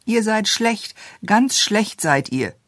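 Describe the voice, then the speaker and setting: A reader voicing an excitable, stubborn little girl in a storybook tale, pleading and indignant in turn. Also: medium pitch, measured pace, dry recording, studio quality.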